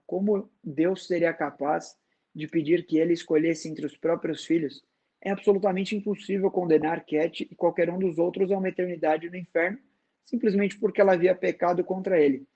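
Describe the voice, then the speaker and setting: Homem narrando em tom baixo e contido. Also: male voice, fairly high pitch, mellow, breathy edge, dull audio. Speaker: reader. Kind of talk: book narration.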